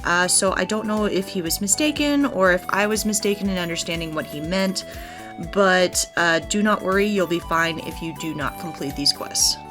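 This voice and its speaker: The woman's voice is fairly low in pitch and moves at a moderate pace. She hosts a gaming video with casual let's play commentary that is chatty and explanatory. Game music plays in the background beneath her.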